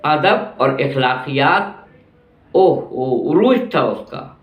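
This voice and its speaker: This Pakistani vlogger, an older man with a medium-pitched voice and lively intonation, reminisces nostalgically about his city at an unhurried, thoughtful pace. Repeated phrases drive his points home, and talk of prices stirs his indignation. The audio sounds roomy and muffled, with a lo-fi quality.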